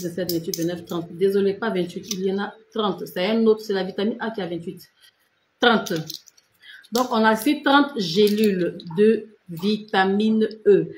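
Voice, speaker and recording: A woman's voice: on the low side, echoey room, a little hiss or hum. A woman giving casual, insistent skincare and diet advice on a live stream, repeating herself and talking straight to her viewers. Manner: repetitive, direct, addresses viewers as tu and vous.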